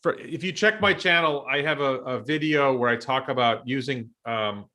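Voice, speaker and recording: An American man in his fifties talks through his ideas in a casual discussion. His voice has a bright, forward ring. He thinks aloud, stopping and restarting his sentences with plenty of ums. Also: mid-range voice, moderate pace. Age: 50s. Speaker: show host and investor.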